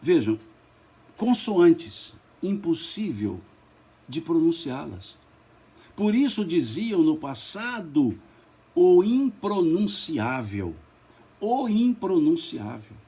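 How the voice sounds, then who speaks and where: A man with a Brazilian Portuguese accent leading a spiritist study, slow and emphatic, spelling out letters and repeating words. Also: a little high, big pitch swings, mellow, slightly rough. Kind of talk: religious study talk.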